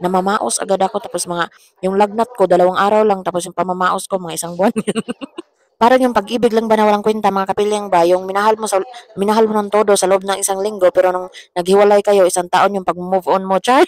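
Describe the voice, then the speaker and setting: A young Filipino woman vlogger whose voice is hoarse after a fever, chatting in a casual voice-over and laughing often. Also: mid-range voice, steady tone, fast talker, a little mellow. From Philippines. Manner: chatty, laughs often, says "char" as a tag. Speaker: vlogger, domestic worker abroad.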